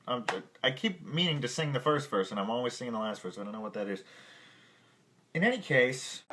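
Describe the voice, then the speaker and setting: A man hosting a music lesson podcast at the piano speaks in a medium-pitched, expressive voice at a brisk pace, with heavy background noise. In these casual lesson outtakes he keeps stumbling over his words, laughing at himself and muttering curses under his breath, while his own piano or guitar plays behind him.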